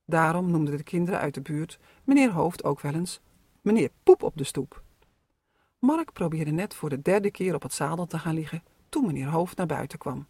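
A narrator reading children's stories aloud with expressive, lively storytelling. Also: medium pitch, a little fast, hardly any pauses, breathy edge, no echo.

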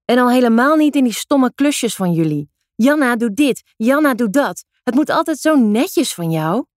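A woman's voice: a little high, sing-song, moderate pace, no echo, studio quality, voice pushed up. A woman voicing a sulky teenage girl who snaps back defiantly at her mother. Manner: snapping, defiant.

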